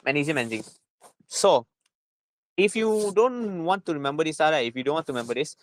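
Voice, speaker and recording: A man with a Malaysian accent teaches informally at a middling pitch. He circles back over his points and tags them with short check-in particles. The sound is close and dry, with very little room in it. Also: a bit bright, no echo. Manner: repetitive, punctuating with "right?" and "lah". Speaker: chemistry tutor. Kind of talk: informal spoken lesson.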